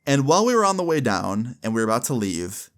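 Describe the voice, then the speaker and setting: A young man with a mid-range voice talks very animatedly and fast, casually recounting a personal story for YouTube. His language is slangy and full of swearing, and he acts out bits of dialogue along the way.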